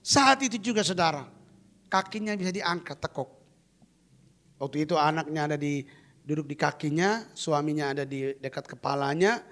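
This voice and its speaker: Emphatic high-voiced male pastor preaching. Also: moderate pace. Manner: emphatic, repeats key phrases with rising stress; acts out quoted voices in lively retelling. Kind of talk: sermon with testimony storytelling.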